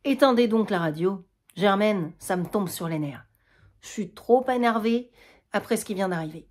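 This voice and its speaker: A woman's voice: mid-range voice, animated, moderate pace, a little mellow, lightly acted. A blunt, bossy Quebec hostess, acted by a woman reading a play aloud. She gives orders plainly and without fuss. Her accent is Quebec French. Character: bossy middle-aged hostess of the gathering.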